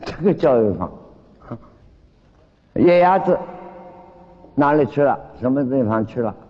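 A man's voice: mid-range voice, lively intonation, measured pace. A man giving a storytelling Chan Buddhist dharma talk, blunt and plain-spoken, acting out the voices of the people he quotes. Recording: dull lo-fi recording with long hall reverb.

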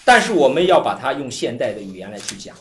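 A lively Buddhist scripture teacher, voice swinging up and down at a middling pitch. The talk runs as a loose explanatory lecture, full of repeated phrases and easy chuckles. The voice sits in a roomy, echoing space. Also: quick pace, a little hiss or hum. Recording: roomy echo.

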